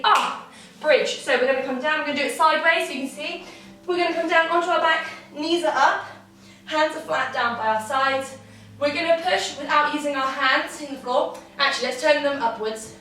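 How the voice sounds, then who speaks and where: Young female dance teacher, high and bright, slightly out of breath, distant in a roomy space. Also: slight background noise. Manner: encouraging, counts beats aloud. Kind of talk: online dance warm-up class. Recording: echoey room, distant from mic, faint music.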